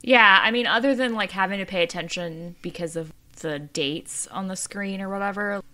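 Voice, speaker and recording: Bright, giggly woman podcast co-host. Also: mid-range voice, moderate pace. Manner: animated, giggly reactions, trails off into mumbles. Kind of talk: casual chat.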